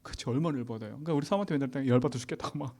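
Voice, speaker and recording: A middle-aged man, a pastor, preaching a sermon in an animated, conversational way and putting rhetorical questions to the congregation. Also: mid-range voice, very fast.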